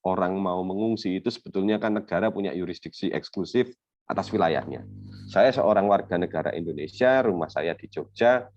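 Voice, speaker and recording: A man's voice: low-pitched, a little mellow, no room sound. A young man giving a webinar lecture, explaining things in a conversational way with a lot of fillers and made-up examples, recorded over a video call. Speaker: webinar speaker on refugee law. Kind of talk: academic webinar presentation. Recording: dull lo-fi video call audio.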